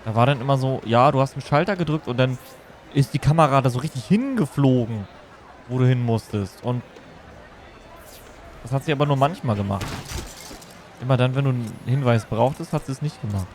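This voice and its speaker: A man doing casual livestream game commentary, rambling and thinking out loud. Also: medium pitch, expressive, a little fast, pauses often. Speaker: game streamer. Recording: clear background noise.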